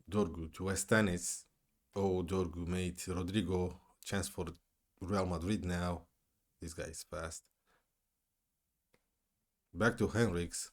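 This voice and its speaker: Male gamer, lowish voice, play-by-play let's play commentary, frustrated outbursts. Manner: exasperated, swings from muttering to yelling. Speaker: gaming YouTuber.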